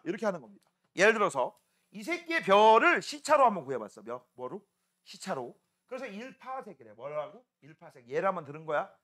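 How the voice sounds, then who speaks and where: A man's voice: high voice, pushed and bright. A man teaching a science class, joking with students and checking with frequent questions. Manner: often asks "right?" to check understanding. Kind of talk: classroom lecture.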